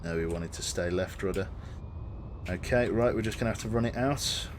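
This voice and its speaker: A man's voice: deep voice, a little fast, a little hiss or hum. A man giving gameplay commentary and spoken commands, muttering to himself and swearing. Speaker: gamer commentating on own play.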